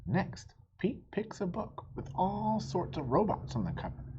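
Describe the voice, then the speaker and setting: This storybook reader and host has a low, mellow voice and is very animated, reading a little slowly as she shares a children's picture book. She adds friendly asides straight to young listeners over a dull, lo-fi recording with faint noise.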